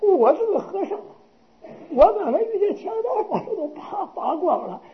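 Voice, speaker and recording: A man's voice: extremely high pitch, very animated, moderate pace, highs cut off, voice pushed up. A man voicing a poor, meek monk who pleads earnestly. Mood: pleading.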